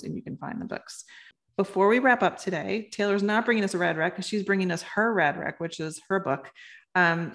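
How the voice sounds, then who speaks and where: A woman co-hosting a casual book podcast, chatty and laughing easily, a little hoarse. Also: on the low side, fairly bright tone. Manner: chatty, reads passages aloud, laughs easily. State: losing her voice. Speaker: podcast co-host.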